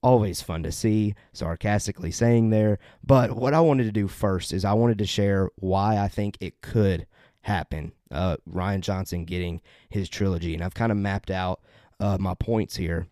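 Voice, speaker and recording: A man's voice: sits low, moderate pace, mellow, no room sound, studio quality. A man hosting a casual podcast, chatting upbeat with listeners and running through plugs with loose self-corrections. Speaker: podcast host.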